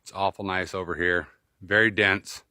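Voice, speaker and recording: A man's voice: deep voice, steady tone, moderate pace, sharp tone, dry recording, clean studio sound. A man narrating a casual outdoor vlog in short bursts while trudging through snow on snowshoes, winded from the effort. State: winded from exertion. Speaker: outdoor vlogger. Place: outdoors in snowy woods and fields.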